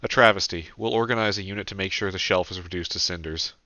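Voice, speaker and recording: A man's voice: sits low, fast talker, pushed and bright, dry recording. A man voicing a shaken young man who answers with dry, wry humor, in a slightly dull lo-fi home recording.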